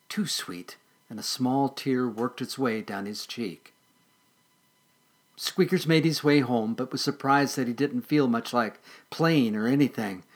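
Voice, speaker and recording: A man reading a children's story aloud as a storyteller, gentle and expressive, slowing and softening for sad parts. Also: medium pitch.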